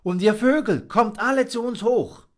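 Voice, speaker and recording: A man voicing a gentle, motherly female dove in a storybook reading, with a soft, cooing manner. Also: high voice, moderate pace, pitched above the performer's own voice, lightly acted. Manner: cooing, tender.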